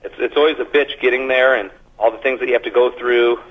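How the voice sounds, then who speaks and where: A man's voice: medium pitch, fairly even intonation, quick pace. A man talking loosely and crudely on speakerphone during a phone interview, rambling with laughs. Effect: on speakerphone over a phone call. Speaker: band member interviewed by phone. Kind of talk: casual joking chat. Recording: muffled, tinny speakerphone line.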